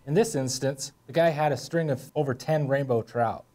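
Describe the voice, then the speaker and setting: A man's voice: mid-range voice, moderate pace, dark tone. A man in his thirties with an American accent, giving a scripted instructional presentation as a conservation officer. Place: indoor room beside whiteboard. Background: music.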